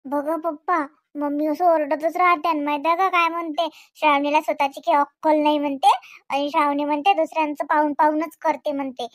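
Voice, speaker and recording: A woman voicing a sulking, complaining teenage schoolgirl in an animated cartoon, with a Varhadi Marathi accent. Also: high voice, brisk, no room sound, studio quality, close to an everyday voice. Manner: whiny, complaining.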